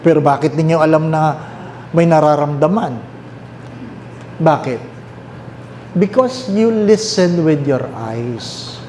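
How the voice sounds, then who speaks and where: Slow, mellow Filipino priest preaching. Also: male voice, fairly high pitch. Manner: mixes English and Tagalog, asks the listeners questions; repeats key phrases slowly. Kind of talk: sermon. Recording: roomy echo, faint background noise.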